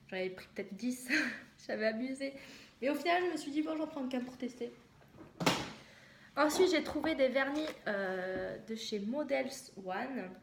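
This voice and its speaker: A young woman from southwest France chatting casually in a haul video, hesitant and full of fillers. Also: on the high side. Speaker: vlogger. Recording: echoey room with noise.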